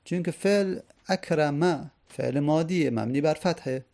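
A man's voice: fairly high pitch, gravelly, darkish tone. A man teaching an Arabic grammar lesson. He recites conjugations in drills, then explains them casually.

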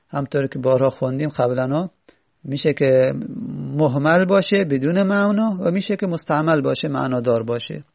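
A man's voice: on the high side, creaky, darkish tone. A man teaching Arabic grammar, reading lines from an Arabic text and then explaining them step by step.

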